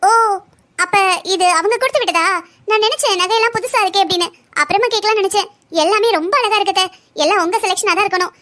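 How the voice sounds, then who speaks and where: A woman's voice: very high voice, fast, fairly bright tone. A woman voicing a talkative young woman, the bride's sister, in a cartoon family drama. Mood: relieved.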